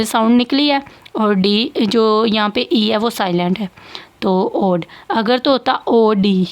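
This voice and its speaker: A woman teaching English grammar to students, explaining patiently and repeating key points. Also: a little high. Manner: patient, repeats points, checks in with "theek hai". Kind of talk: slow classroom explanation of grammar.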